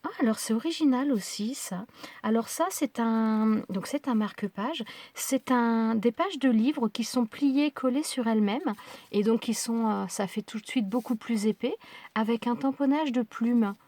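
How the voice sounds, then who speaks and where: A woman's voice: fairly high pitch, measured pace, a little mellow, dry recording. Chatty French woman, dry close sound. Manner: chatty, hesitant, many fillers and restarts. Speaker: crafting vlogger. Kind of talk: casual unboxing chat.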